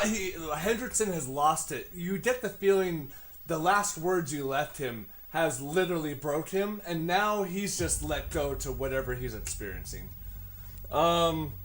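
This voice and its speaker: A man running a tabletop game as game master, talking in a relaxed, casual way and swearing freely. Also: fairly high pitch. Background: background music.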